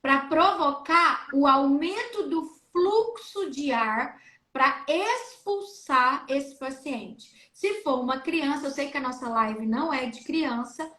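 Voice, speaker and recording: A woman's voice: sits high, animated, slow, sharp tone, roomy sound. A speech therapist woman with a Brazilian Portuguese accent, explaining on a live stream and acting out coughs and vowels as she demonstrates.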